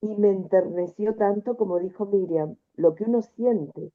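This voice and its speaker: A woman earnestly sharing a personal story on a group video call, reflective and pausing often to find her words. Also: mid-range voice. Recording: narrow phone-like video call audio.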